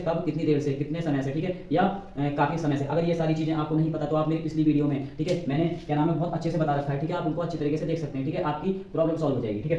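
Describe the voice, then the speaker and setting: Fast-talking man teaching grammar in a roomy space. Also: on the high side, dark tone, distant mic, dull audio. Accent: Hindi. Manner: repeats "ठीक है" constantly, dictates sentences slowly. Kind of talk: board lesson explaining grammar. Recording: roomy, off-mic, faint background noise.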